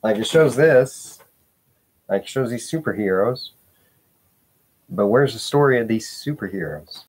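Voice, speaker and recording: A man's voice: medium pitch, lively intonation, unhurried, pauses often, a little mellow, slightly rough. A man talking casually in a rambling vlog, full of hesitations and restarts, with the odd swear word. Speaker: vlogger.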